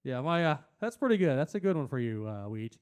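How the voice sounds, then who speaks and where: A man doing a stand-up comedy set on a small stage, crude and rambling, talking to the crowd and putting on loud silly voices for quotes. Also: medium pitch, very animated, quick pace, clear, resonant tone.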